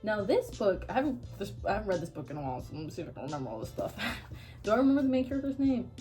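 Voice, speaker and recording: A woman's voice: mid-range voice, sing-song, racing, mellow, soft background music. A young woman chatting casually through a book review, rambling with lots of fillers and restarts. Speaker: book vlogger.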